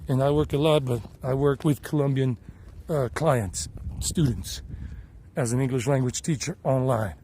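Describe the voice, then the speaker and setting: A man's voice: mid-range voice, normal speed, dark tone, slight background noise. An American man vlogging outdoors on a hilltop trail, chatty and rambling, talking into a handheld camera. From United States. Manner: chatty and rambling, with frequent restarts. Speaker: vlogger and tour guide. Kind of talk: casual hiking vlog.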